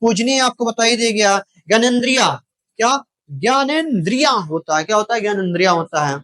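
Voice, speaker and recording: A man's voice: high voice, animated, a little fast, pushed and bright. A man teaching spellings for an exam, drilling each word with questions and repeated answers, addressing viewers directly. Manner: keeps asking rhetorical questions and repeating the answers; addresses viewers directly, calls them brother. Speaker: Hindi exam-prep teacher. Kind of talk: spoken lesson, drilling spellings.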